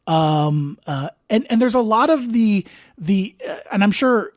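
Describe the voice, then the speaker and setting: A man's voice: high-pitched, lively intonation, a little slow, no room sound, clean studio sound. A man hosting and producing a casual podcast, rambling through stories full of restarts and fillers.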